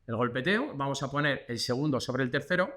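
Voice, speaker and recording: A man's voice: medium pitch, animated, fairly quick, a bit bright. Chatty Spanish physiotherapist man. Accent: Spanish from Spain. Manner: counts repetitions aloud, chatty and instructive. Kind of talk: exercise demonstration.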